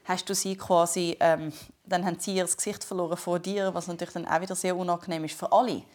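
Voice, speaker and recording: A woman who talks very fast while she tells a story on a casual podcast. Her delivery is animated and lively. She is heard over a phone call. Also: lowish voice. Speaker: podcast co-host, comedian.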